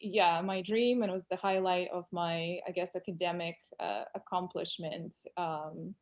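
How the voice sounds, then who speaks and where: A woman's voice: fairly low pitch, fairly even intonation, normal speed. Woman telling her story. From Russia. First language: Russian. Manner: candid, reflective storytelling. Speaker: employment lawyer, guest. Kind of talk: casual interview chat.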